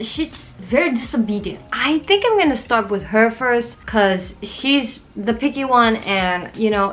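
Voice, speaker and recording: A young beauty vlogger with a mid-range, slightly bright voice chats casually through a tutorial at home in front of a mirror. She jokes, rambles, and yelps in pain along the way.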